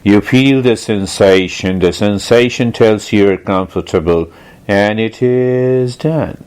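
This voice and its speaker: A man leads a guided meditation, explaining things carefully, repeating key phrases and asking questions as he goes. His voice is fairly low, darkish and clean.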